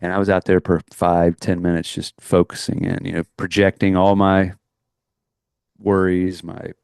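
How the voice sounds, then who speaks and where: A man's voice: low voice, monotone, moderate pace, vocal fry, darkish tone, clear, resonant tone, dry recording, studio quality. A middle-aged man co-hosting a podcast, telling a personal story in a rambling, earnest way with many restarts. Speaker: podcast co-host. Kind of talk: casual chat, storytelling.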